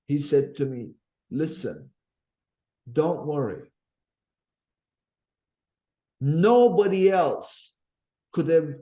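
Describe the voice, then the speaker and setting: This man grew up in Turkey and hosts a podcast, earnestly recounting a personal story during a conversational interview. His voice is medium in pitch and somewhat dark, and his speech is full of fillers and restarts.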